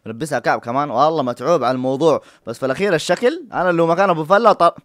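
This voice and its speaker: A man's voice: on the high side, rapid-fire, fairly bright tone, dry recording, studio quality. A man commenting on a prank video in a joking, teasing way. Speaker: YouTuber reacting to a prank video. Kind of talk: casual reaction commentary.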